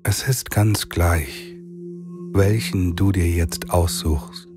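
A man narrating a guided sleep meditation like a soothing sleep-story narrator, with long pauses between phrases. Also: low-pitched. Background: meditative singing bowl music.

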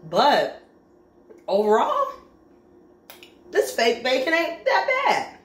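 A woman's voice: sits low, slight background noise. A woman chatting casually in a cooking vlog, filling her talk with "like" and talking while she eats. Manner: chatty, frequent "like" fillers, talks while eating. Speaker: vlogger. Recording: echoey room.

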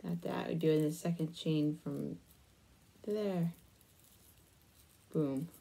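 In a small attic room indoors, a young adult crafting vlogger talks her way slowly through a crochet demo. Her voice is deep, gravelly and mellow with a breathy edge, and she sounds absorbed, half talking to herself.

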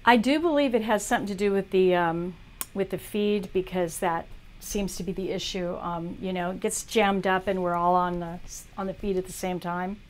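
A woman's voice: lowish voice, steady tone, moderate pace. A woman teaching art on a livestream, chatting casually as she talks viewers through a drawing demo. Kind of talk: live demo tutorial.

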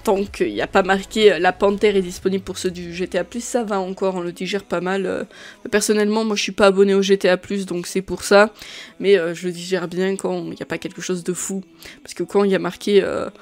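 A woman's voice: mid-range voice, little pitch movement, fairly quick. A woman presenting a casual gaming news rundown, listing items in a chatty way with frequent fillers. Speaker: gaming video creator.

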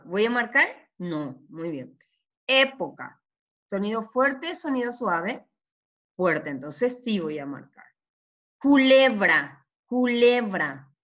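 A woman teacher giving a children's reading lesson, sounding out syllables carefully and often checking in with a quick question. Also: medium pitch, fairly bright tone, highs cut off. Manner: slow and deliberate, often checking with "¿sí?".

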